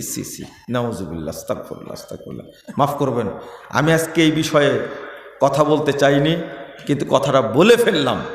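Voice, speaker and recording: A man's voice: a little high, a bit bright, slight background noise. A man with a Bangladeshi Bengali accent preaching a sermon to a gathering, fiery and scornful, firing rhetorical questions. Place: large hall with a gathering. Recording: echoey hall, long reverb.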